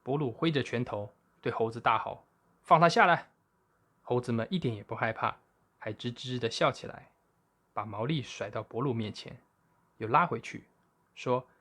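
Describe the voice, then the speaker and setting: A male storyteller who reads a children's tale aloud. He keeps his voice at an ordinary middle pitch and tells the story with lively expression.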